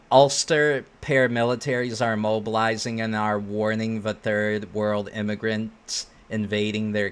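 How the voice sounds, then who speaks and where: A man's voice: fairly low pitch, clean tone. A man hosting online reaction commentary, reading posts aloud and giving opinions in casual, slangy speech.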